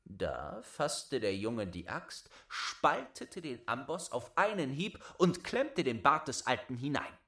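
A man reads a fairy tale aloud, his gravelly voice rising and falling with lively expression. He takes his time, sometimes dropping into a hushed whisper. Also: medium pitch, slow. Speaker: storyteller.

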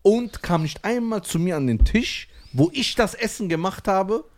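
A man co-hosting a comedy podcast, telling animated, teasing stories in casual banter. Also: high-pitched, moderate pace. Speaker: podcast host.

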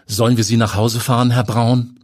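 A man voicing a curious, sharp young male journalist who asks and explains, with a husky edge. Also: medium pitch, level tone, normal speed, no echo, studio quality, voice pushed up, close to an everyday voice. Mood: inquisitive. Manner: inquisitive, explaining.

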